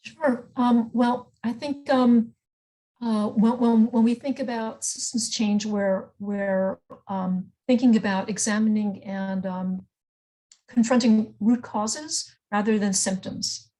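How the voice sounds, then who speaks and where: A woman's voice: on the high side, steady tone, slow pace, dark tone, rough recording. A woman grants manager answering on a webinar panel, hesitant, with many ums and repeated words. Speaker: grants manager at a music nonprofit.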